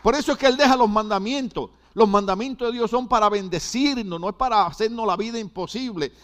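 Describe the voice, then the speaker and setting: A man's voice: high voice, fairly quick, fairly bright tone. An older man, preaching a sermon as pastor, with rhetorical questions and repetition.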